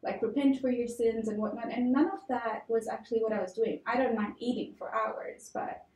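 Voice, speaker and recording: A woman's voice: on the high side, steady tone, normal speed, a little mellow. A young woman from Tanzania, a guest telling her personal story in a candid, conversational way with frequent fillers. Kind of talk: conversational interview. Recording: echoey room.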